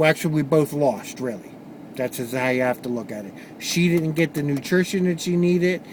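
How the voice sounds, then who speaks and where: A man with a fairly high voice tells a personal story candidly. He stumbles and repeats words as he goes, and he swears bluntly. A faint hiss sits under his voice. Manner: halting, repeats words while gathering his thoughts. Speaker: vlogger sharing personal stories.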